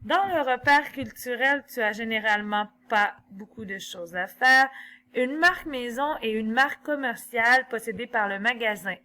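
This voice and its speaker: A woman's voice: on the high side, normal speed, pushed and bright. A woman, explaining an online exercise step by step as a teacher and thinking aloud as she goes. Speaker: French teacher. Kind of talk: tutorial walkthrough of an online exercise.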